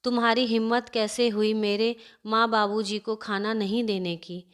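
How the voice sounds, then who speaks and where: A woman's voice: on the high side, flat delivery, normal speed, clear, resonant tone, natural voice. A woman voicing an angry scolding husband. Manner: harsh, scolding. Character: angry shouting young husband.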